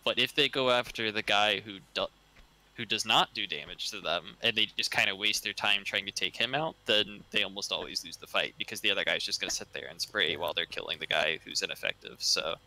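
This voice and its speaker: A man's voice: on the low side, fairly quick, pushed and bright, rough recording. A man giving casual speedrun commentary, chatty and rambling, with lots of fillers and easy laughs.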